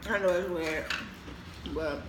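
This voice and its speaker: A woman's voice: deep voice, slow pace. An American woman chatting casually between crunching bites on an eating show, repeating phrases for emphasis. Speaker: mukbang vlogger. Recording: roomy echo, faint background noise.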